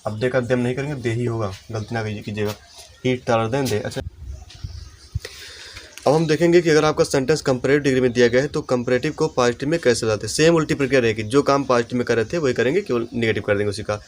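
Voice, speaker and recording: A man teaching English grammar in a lesson, explaining step by step and slowing down to dictate example sentences. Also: medium pitch, a little hiss or hum. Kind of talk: Hindi-language classroom lesson.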